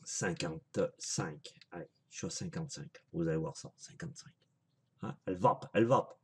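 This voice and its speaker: A man's voice: low-pitched, moderate pace, a little hiss or hum. A man in a casual home video review, chatty and apologetic, thinking aloud with lots of fillers as he shows products. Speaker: vaping vlogger.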